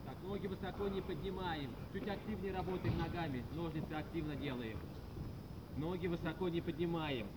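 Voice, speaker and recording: A man's voice: on the high side, brisk. A man coaching a group workout on a grass field, giving short, commanding, repeated instructions and counts. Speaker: fitness coach leading group training. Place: outdoors on a grass sports field. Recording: noisy outdoor recording with vehicle sounds.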